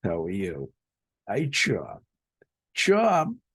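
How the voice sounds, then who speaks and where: A man voicing a North Shore local with a thick Boston accent, speaking through clenched teeth with his lower lip jutted out. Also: huge pitch swings, extremely slow, fairly bright tone, slightly rough, no echo, studio quality, heavily acted. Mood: exaggerated greeting.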